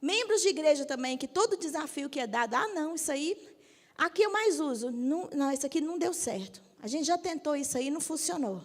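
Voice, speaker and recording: A Methodist bishop in her fifties preaches a sermon in a high voice with lively intonation and a fairly quick pace. She speaks directly and keeps asking the audience whether they agree, her words trailing off in a long hall reverb.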